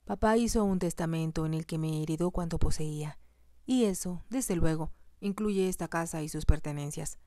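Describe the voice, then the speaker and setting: A woman voicing a proud young heiress who speaks in a polite, soft and measured way. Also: low-pitched, no echo, studio quality, lightly acted.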